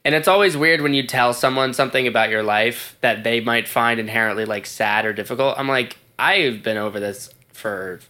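Young male comedy podcast guest, bright forward voice at medium pitch, casual and joking. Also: a little fast, few pauses. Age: young adult.

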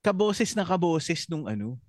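A man co-hosting a podcast, chatting casually and often pausing on fillers as he searches for words. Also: fairly high pitch, very animated, no room sound, studio quality. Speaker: podcast co-host. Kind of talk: casual chat.

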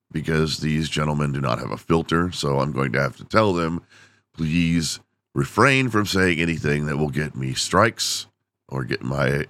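In a dry recording, a podcast host with a very deep yet fairly bright voice goes it alone, rambling and self-deprecating with frequent laughter. His voice is giving out from overuse.

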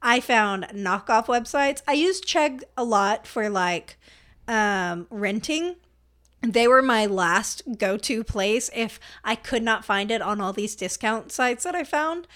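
A woman's voice: fairly high pitch, expressive, slow, a bit bright. A young woman co-hosting a podcast, chatting casually and telling stories that break into big laughs. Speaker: podcast co-host. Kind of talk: casual chat.

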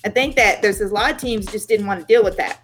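A woman explaining her view as a guest on a casual sports talk show, in a measured way. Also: medium pitch, faint music behind.

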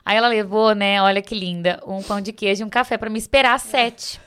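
A woman's voice: medium pitch, fairly even intonation, fairly bright tone, clean tone. A woman with a Brazilian Portuguese accent, a guest makeup artist telling stories in casual, chatty talk. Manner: rapid, chatty storytelling. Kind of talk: casual chat.

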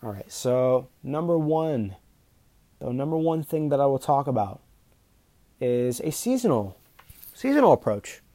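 A man's voice: mid-range voice, very animated, measured pace, long pauses, warm tone, no room sound. A man hosting his own podcast, talking off the cuff in a nervous way, stumbling over words, restarting and saying um often. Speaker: podcast host. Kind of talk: unscripted solo podcast talk.

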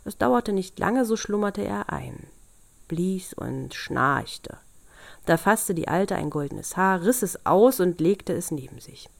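A woman narrating a fairy tale in a calm, measured storytelling manner. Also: on the low side, creaky.

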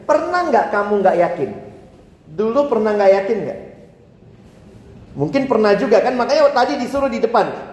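A male preacher with a high, slightly mellow voice delivers a conversational sermon teaching on evangelism. He asks the audience rhetorical questions, slips into casual slang, and acts out mock dialogues. The recording has roomy hall reverb and faint ambience.

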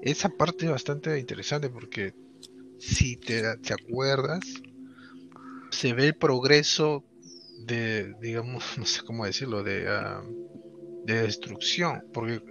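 Gravelly man over loud music. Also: medium pitch, slow pace. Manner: reflective, commenting on effects, tag questions. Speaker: podcast co-host. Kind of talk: casual chat. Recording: dull lo-fi recording with loud music behind.

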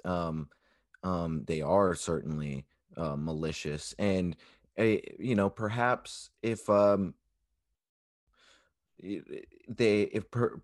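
A man with a very low voice talks through abstract ideas in a casual way. He goes slowly and tentatively, stopping to find words, in a dry, close recording. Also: no room sound. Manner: halting, tentative, searching for words. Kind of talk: casual philosophical discussion.

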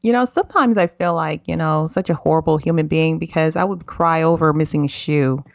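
A woman's voice: low voice, fairly quick, vocal fry, no echo, muffled recording. A woman hosting a podcast interview, chatting in a playful, self-deprecating way. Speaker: podcast host. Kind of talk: casual interview chat.

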